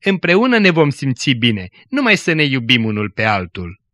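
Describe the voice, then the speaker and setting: A poor orphan boy from a spoken storybook, gentle and pious, speaking humbly and tenderly, as a male preacher reads his part. The voice is bright and close, in a dry recording. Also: medium pitch, huge pitch swings, no room sound. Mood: humble.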